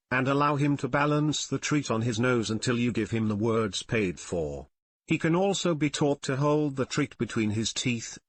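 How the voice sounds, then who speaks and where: A man reading scripted step-by-step instructions in a steady, instructional narration. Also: medium pitch, no room sound. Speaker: narrator of dog training videos.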